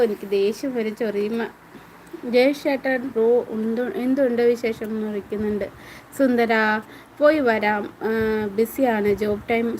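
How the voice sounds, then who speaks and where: Woman streamer, higher pitch, casual, reads and answers viewer comments. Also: darkish tone, a little hiss or hum, rough recording. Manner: chatty, answers viewers by name. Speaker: live-stream host. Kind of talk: casual live-stream chat, reading viewer comments aloud.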